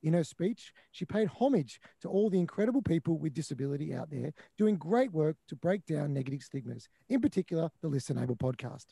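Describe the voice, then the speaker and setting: A male text-to-speech robot voice from a screen reader, reading a news bulletin in even, mechanical computer diction. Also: fairly high pitch, brisk, creaky, few pauses, breathy edge, dry recording. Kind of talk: synthetic news bulletin read-out.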